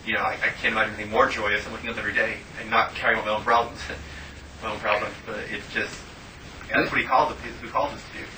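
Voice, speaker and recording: A man's voice: fairly low pitch, little pitch movement, fast, pushed and bright. A man in a group discussion, rambling and full of fillers. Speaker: discussion participant. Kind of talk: casual discussion. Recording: echoey, distant, noisy room mic.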